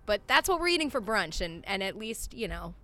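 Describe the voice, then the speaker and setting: A woman's voice: medium pitch, sing-song, fairly quick, bright, forceful tone, no echo. A woman co-hosting a casual podcast from a backyard, chatting informally with some swearing. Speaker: podcast co-host. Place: outdoors in a backyard.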